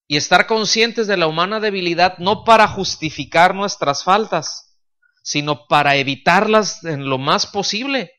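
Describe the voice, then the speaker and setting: A man's voice: sits high, unhurried, pushed and bright. A male pastor preaching a teaching sermon, explaining step by step and often checking that listeners follow. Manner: explanatory, checks understanding with frequent questions. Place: church.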